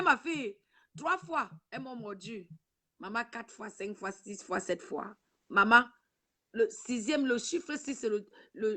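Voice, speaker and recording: A woman's voice: on the high side, fairly bright tone. Preachy woman ranting on a livestream. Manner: preachy, repetitive, keeps saying "ma fille". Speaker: livestream host. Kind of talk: emotional live-stream rant. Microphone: own camera.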